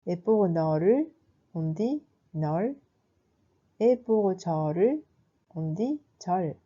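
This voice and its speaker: A woman's voice: on the low side, animated, a little slow, mellow, highs cut off. A woman explaining a language lesson in a careful, scripted narration, going through examples one by one. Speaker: language teacher.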